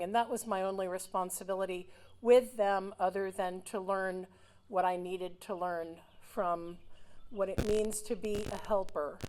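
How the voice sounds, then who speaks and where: A woman's voice: mid-range voice, a little mellow, rough recording. Rambling alumna in her fifties. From Switzerland. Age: 50s. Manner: rambling, frequent "um" fillers. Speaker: alumna speaker. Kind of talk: personal memorial speech.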